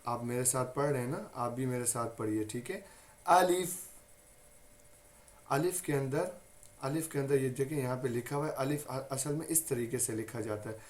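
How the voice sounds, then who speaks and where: Man, Pakistani Urdu accent, tajweed teacher, patient, repeats himself, mid pitch. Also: fairly quick. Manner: patient, repeats each point and demonstrates letters loudly. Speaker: Quran recitation teacher. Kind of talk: Quran recitation lesson.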